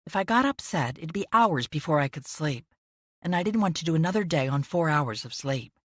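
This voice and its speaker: A woman reading a first-person audiobook narration in a measured, introspective way. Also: low-pitched, expressive, no room sound, clean studio sound.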